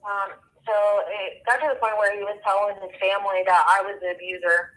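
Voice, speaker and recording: A woman calling in on a prison phone line, telling her story in a halting way with many pauses and ums. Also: mid-range voice, flat delivery, fairly bright tone. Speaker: inmate calling in. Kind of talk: casual phone call.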